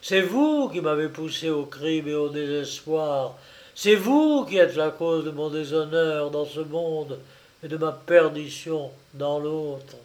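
A man voicing a guilt-ridden young duke who speaks slowly and coldly to his mother. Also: a little high, lively intonation, darkish tone. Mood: bitter. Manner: slow, cold, somber delivery.

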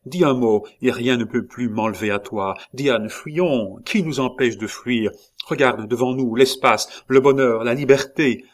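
A man's voice: medium pitch, unhurried, lightly acted. A man voicing an ardent young nobleman who pleads passionately and urgently. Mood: pleading.

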